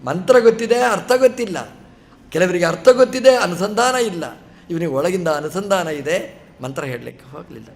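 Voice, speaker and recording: A man delivers a storytelling sermon in a high, light voice. He recounts a scripture tale, stopping to ask the listeners rhetorical questions and briefly voicing the characters' words. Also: expressive, normal speed, gravelly. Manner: narrates a scripture story, acts out short dialogue and asks rhetorical questions. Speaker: religious teacher giving a discourse.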